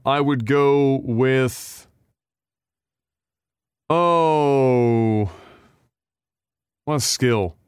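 A man's voice: medium pitch, smooth, dry recording, studio quality. A man in his thirties co-hosting a casual podcast chat, reading out viewer questions and answering them loosely with swearing and laughs. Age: 30s. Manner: relaxed, swears, reads viewer questions aloud. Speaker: podcast co-host.

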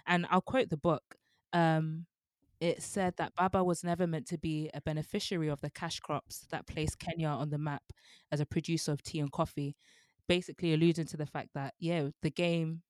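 A woman's voice: deep voice, level tone, normal speed, dry recording, studio quality. A young woman, co-hosting a casual book discussion podcast, chatty with many fillers and frequent laughs. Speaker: book club podcast co-host.

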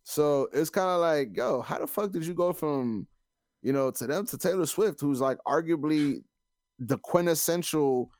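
Slangy guy on a podcast, bit high voice, super dry recording, opinionated casual chat. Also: normal speed, darkish tone, no room sound. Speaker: podcast host.

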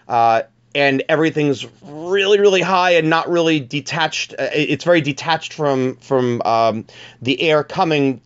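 A man's voice: on the high side, highs cut off. A man giving a spoken workshop on teaching young singers, explaining step by step with fillers and repeated words. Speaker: vocal pedagogy teacher.

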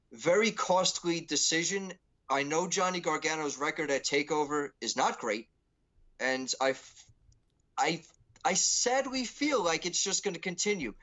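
Male co-host, slightly high voice, playful and animated in casual wrestling talk. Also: rough recording. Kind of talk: casual wrestling preview chat.

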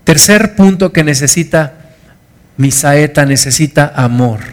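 A man's voice: fairly high pitch, measured pace. A middle-aged man preaching a sermon, earnest and emphatic, repeating key phrases. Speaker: pastor.

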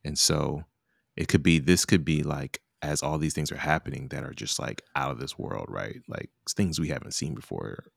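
A man's voice: extremely low pitch, moderate pace, gravelly, slightly rough, no room sound, clean studio sound. A man in his late thirties chatting casually about scripture, laid-back and slangy, laughing often. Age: 30s. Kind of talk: casual Bible study chat.

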